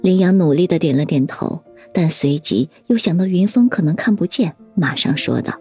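A woman narrating a suspense story audiobook in an even, measured way. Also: on the low side, slightly rough, faint music behind.

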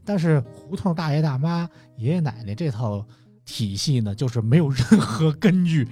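A man with a Beijing accent chats and tells stories in a mellow, husky voice. His intonation swings a lot while he explains things deliberately, pausing to find words. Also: fairly high pitch, animated, faint music behind. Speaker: guest storyteller. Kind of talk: casual storytelling chat.

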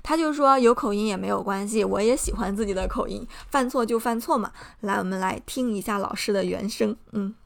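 Speaking briskly and barely pausing, this young podcast host from China has a medium-pitched voice with vocal fry. She talks casually, giving sincere, supportive advice and breaking it down one step at a time.

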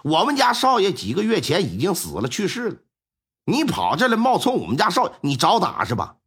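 A cranky house servant from a folk story, stumbling over his words, as a male narrator puts him on. The voice is husky and jumps all over in pitch. He comes off gruff and easily rattled. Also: huge pitch swings, a little fast, fairly bright tone, exaggerated voice. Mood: flustered. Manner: stammering, gruff. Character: flustered grumpy gatekeeper servant.

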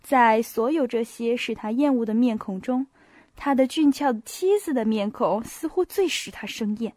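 Calm woman reading a novel aloud. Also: on the high side, normal speed, dry recording, clean studio sound. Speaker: amateur audiobook reader. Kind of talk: steady novel narration.

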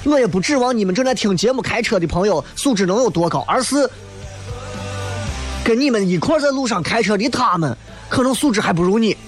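High-pitched man, blunt and chatty. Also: lively intonation, a little fast. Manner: blunt, teasing, colloquial. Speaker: host of an audio show. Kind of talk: casual chat answering listener messages. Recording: loud guitar music behind the voice. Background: guitar music.

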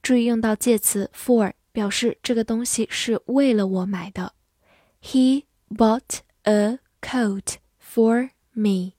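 A woman teaching English vocabulary in a scripted lesson, reading each example sentence slowly and carefully. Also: on the high side, darkish tone, no echo, studio quality.

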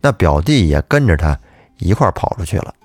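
A man narrating a folk ghost story on a podcast in a chatty, lively way, with asides to his listeners. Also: low-pitched, a little fast, breathy edge, no room sound, soft background music.

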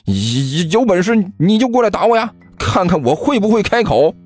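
A man's voice: high voice, sing-song, normal speed, a little mellow, soft background music, voice pushed up. A man voicing a chubby teenage boy who stammers and blusters in an audiobook. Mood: blustering. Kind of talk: audiobook character voice.

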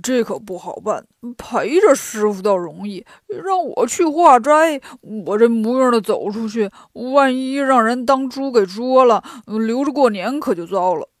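A woman voicing a lazy, boastful male pig-demon disciple who grumbles loudly in a gruff, whiny voice, for a children's story. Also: a little high, expressive, measured pace, hardly any pauses, no echo, studio quality. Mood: fretful.

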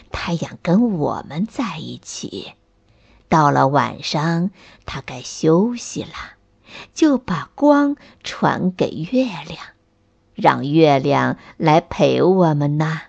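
A gentle old grandfather tree with a deep, slow, soothing voice that turns soft and almost whispery, as a woman puts him on. He sounds wise and patient in a bedtime story. The sound is slightly dull and lo-fi. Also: gravelly, husky, heavily acted. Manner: slow, low, soothing, laughing warmly.

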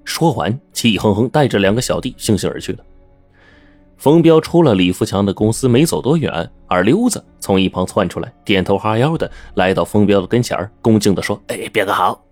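低沉而抑扬顿挫的男说书人. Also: male voice, fairly low pitch, fairly quick, no room sound, soft background music. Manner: lively, colloquial, chatty asides. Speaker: storyteller. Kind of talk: oral storytelling.

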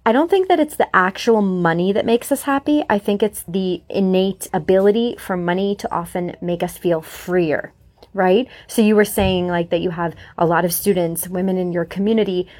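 A woman's voice: on the low side, a little mellow. A woman answering in an interview, talking through her ideas in a reflective way. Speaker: interview guest. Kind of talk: conversational interview.

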